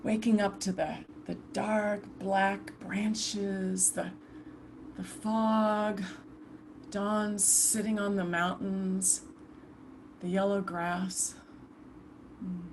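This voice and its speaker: An actress plays the restless ghost of a murdered woman civil rights volunteer in a theatrical monologue over a video call. She speaks haltingly, with sighs and broken restarts. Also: medium pitch, expressive, slight background noise, lightly acted. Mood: wry, bitter. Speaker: stage actor performing a monologue. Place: indoors at home, performing over a video call. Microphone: video call computer mic.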